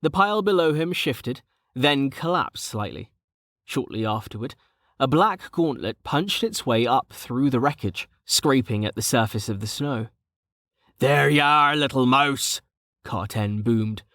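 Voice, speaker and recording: A man narrating a fantasy audiobook in a measured, steady storytelling voice. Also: mid-range voice, dry recording, clean studio sound.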